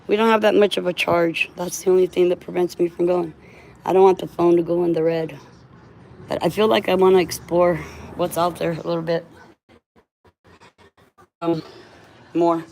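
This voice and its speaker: A woman with a fairly low voice talks in a loose, rambling, conversational way. Missing teeth soften and slur her s, sh and ch sounds slightly. She often tags her phrases with a quick check for agreement. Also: little pitch movement, vocal fry, slight background noise, poor audio. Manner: often ends phrases seeking agreement with "right". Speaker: vlogger. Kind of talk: casual rambling chat.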